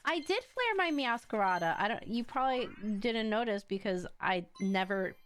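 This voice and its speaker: A woman livestream host chatting casually with viewers in a playful, campy, slangy and very expressive way. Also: a little high, normal speed, clear, resonant tone. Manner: expressive, exclaiming and drawing out words. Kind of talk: casual livestream chat while opening card packs.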